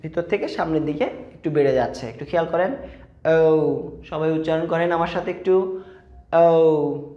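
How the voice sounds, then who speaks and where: Bangladeshi male teacher, slightly high voice, drills sounds slowly; echoey room, dull lo-fi audio. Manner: slow, drawn-out model sounds repeated for learners. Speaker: English pronunciation teacher. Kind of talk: classroom pronunciation lesson.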